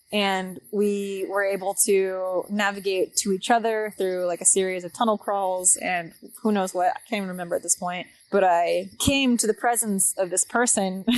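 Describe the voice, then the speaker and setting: A woman's voice: medium pitch, no echo, low-quality recording. A young woman telling a personal story in a casual, reflective way, with frequent fillers. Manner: reflective, unhurried, many fillers. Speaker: guest telling her story.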